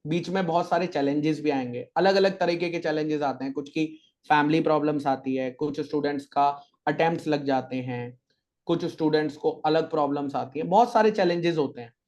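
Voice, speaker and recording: Chatty man telling stories, fairly high voice. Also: brisk, a little mellow. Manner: chatty, storytelling, motivational. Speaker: podcast guest, chartered accountant teacher. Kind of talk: casual interview chat.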